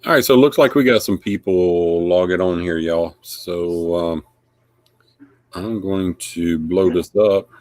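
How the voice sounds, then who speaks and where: A man's voice: low voice, unhurried, darkish tone, no room sound. A man hosting a casual live stream recap of a paranormal investigation, rambling with lots of fillers. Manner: rambling, filler-heavy, friendly.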